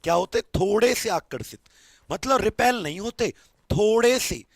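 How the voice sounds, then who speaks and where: Casting: male tutor, high raspy voice that cracks at speed, dry close sound, keeps quizzing his students. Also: lively intonation, no room sound. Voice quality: voice cracks when speaking fast. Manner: repetitive quizzing, calls students "beta" and "babu". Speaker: science teacher. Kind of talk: online exam-prep lecture.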